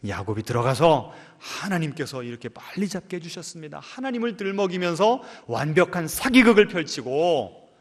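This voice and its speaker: A man's voice: high voice, long reverb tail. A male pastor preaching a sermon, asking the congregation questions and acting out the characters' lines. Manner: animated preaching that acts out the story characters' lines; asks the congregation frequent questions. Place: church sanctuary.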